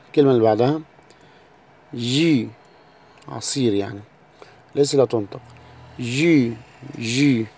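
Man, Egyptian Arabic accent, language teacher; slow, warm, patient repetition of each word. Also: medium pitch. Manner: repeats each word slowly, drawing out the sounds. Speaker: French teacher. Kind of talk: slow spelling-and-pronunciation lesson.

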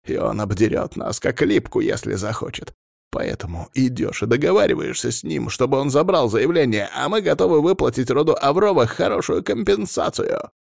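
A man's voice: mid-range voice, creaky, no echo, studio quality, voice pushed up, heavily acted. A man doing a furious old clan patriarch. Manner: yelling, scolding, domineering. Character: furious old male clan head shouting down a phone.

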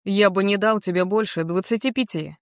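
A woman's voice: medium pitch, brisk, dry recording, studio quality, close to an everyday voice. A woman reading as an earnest young man. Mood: earnest, warm. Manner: sincere, gently persuasive. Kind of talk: audiobook character reading.

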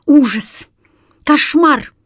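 A woman's voice: on the high side, unhurried, darkish tone, dry recording, studio quality. A woman reading an audiobook and voicing a terrified young man who shrieks and pleads, breathless with panic. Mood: panicked. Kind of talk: audiobook character voice.

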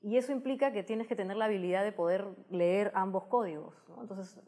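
Her voice is medium-pitched, brisk and mellow: a Peruvian Spanish-accented science communicator giving explanatory, conversational answers in an interview. She tends to end phrases with a tag question.

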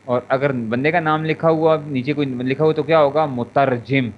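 A Pakistani Urdu-accented man teaches Arabic morphology in an online class, drilling word pronunciations and conjugations again and again. His voice sits on the high side with a steady tone. It comes through an internet voice chat room, so the sound is lo-fi with faint background noise.

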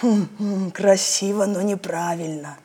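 Lady doing a brooding old stone island monster, slow hollow voice, kinda husky. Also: mid-range voice, mellow. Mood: ominous.

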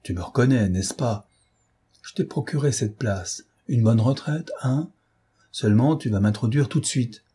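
A man playing a fierce, commanding gentleman thief in an audiobook, speaking urgently and imperiously. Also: mid-range voice, normal speed, husky.

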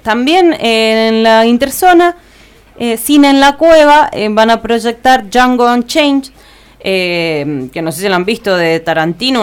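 A woman's voice: mid-range voice, clean tone. A woman with an Argentine Spanish accent, co-hosting community radio and reading out the week's events agenda, with frequent "eh" fillers and self-corrections. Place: radio studio.

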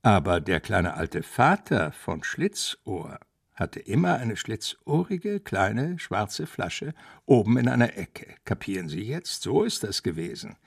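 A man doing a scornful gravelly canvasser. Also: lowish voice, sing-song, a little slow, dry recording, voice pushed up, full character voice. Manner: indignant, scornful gossip. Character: grumbling middle-aged male Dublin canvasser. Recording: dry close studio sound.

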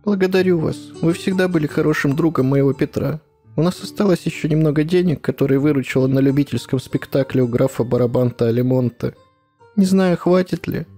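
Casting: man voicing an anxious pleading young wife, high, mellow. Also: brisk, faint music behind, natural voice.

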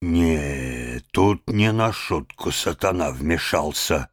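Хвастливый пожилой сельский голова в исполнении мужчины-чтеца властно покрикивает, то опускаясь низко, то взвиваясь вверх. Говорит неторопливо, с нажимом. Запись сухая. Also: male voice, mid-range voice, big pitch swings, slow, no room sound, studio quality, exaggerated voice. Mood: bewildered. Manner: blustering, commanding shouts. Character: blustering older village head, bossy and fearful.

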